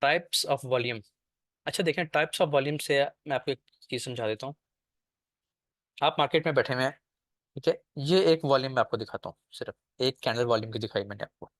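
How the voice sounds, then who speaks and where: A man's voice: medium pitch, fairly quick, no echo, clean studio sound. A man teaching a trading class over a screen share, explaining step by step and often checking that the listener follows.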